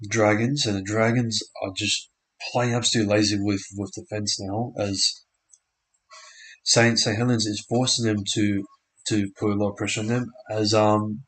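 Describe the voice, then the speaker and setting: Often uncertain about who the players are, this young man restarts, corrects himself and fills pauses while casually narrating a live match stream. He speaks at normal speed in a lowish, slightly bright voice with fairly even intonation, and there's a little hiss or hum.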